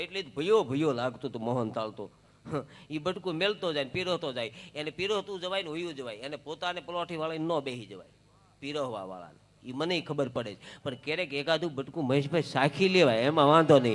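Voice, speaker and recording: A man's voice: on the high side, bright, forceful tone. A man, telling joking folk stories on a stage at a devotional gathering in a chatty, sing-song way. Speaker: folk storyteller and devotional singer.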